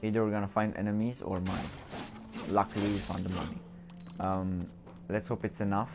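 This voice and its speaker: A man's voice: fairly low pitch, level tone, a little fast, creaky. A man giving casual gameplay commentary as host, rambling and hesitant as he thinks aloud. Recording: voice-over with game music behind.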